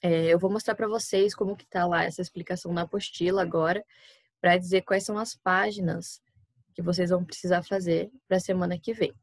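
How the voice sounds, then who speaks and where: Brazilian woman teacher with a low voice and a dry computer mic, patient, walks students through each step of an online class. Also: fairly even intonation, fairly quick, no echo. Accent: Brazilian Portuguese. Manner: patient, explains step by step, often checks with "tá?". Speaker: Spanish teacher.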